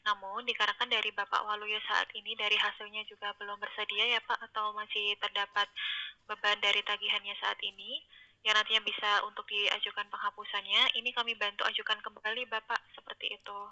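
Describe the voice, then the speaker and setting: A woman's voice: medium pitch, flat delivery, brisk, pushed and bright. A woman speaking as a call centre agent in a polite, formal customer service voice over a muffled phone line.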